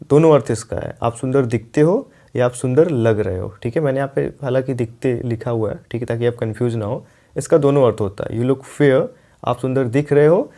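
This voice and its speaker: A young man with an Indian accent teaching an English grammar lesson. His voice is mellow and warm at an average pitch. He explains patiently and repeats each example sentence slowly, as if for dictation.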